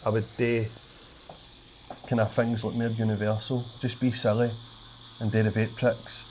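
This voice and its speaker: A stand-up comedian from Glasgow, Scotland, guesting on a podcast, speaks in a thick, broad Glaswegian accent with colloquial Scots wording, some swearing and an occasional slight stutter. His voice is on the low side, level, moderately paced and a little mellow, with a little hiss or hum.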